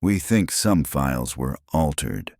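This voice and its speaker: A man voicing a cautious small-town sheriff who speaks politely and in a measured way. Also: extremely low pitch, sing-song, creaky, darkish tone, no room sound, studio quality, exaggerated voice.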